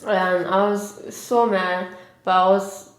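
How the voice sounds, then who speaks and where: A young woman chats casually while eating on camera. She rambles and fills her pauses with 'like' in a mid-range voice. The room around her echoes noticeably. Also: mid-range voice, flat delivery. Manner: rambling, heavy use of 'like'. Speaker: mukbang vlogger.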